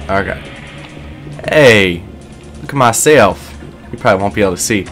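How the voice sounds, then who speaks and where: A man's voice: lowish voice, gravelly, fairly bright tone. Chatty, nervous young man gaming. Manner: nervous, self-mocking, chatty. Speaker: let's play commentator. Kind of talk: casual gameplay commentary. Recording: game music underneath. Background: game music and sound effects.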